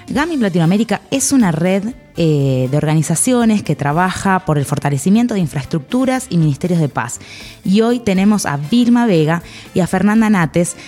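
A woman hosting a podcast, speaking in a measured, formal way. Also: fairly low pitch, lively intonation, mellow, faint music behind. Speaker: podcast host. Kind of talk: podcast intro and interview.

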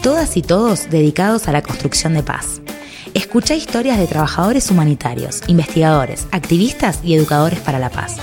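A woman hosting a podcast, speaking in a measured, formal way. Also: low-pitched, big pitch swings, music in the background. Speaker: podcast host. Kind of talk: podcast intro and interview.

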